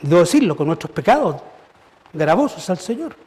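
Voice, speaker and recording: A man's voice: sits high, sing-song, moderate pace, a little mellow. A man preaching as pastor, conversational and asking rhetorical questions. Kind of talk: sermon. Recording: church service.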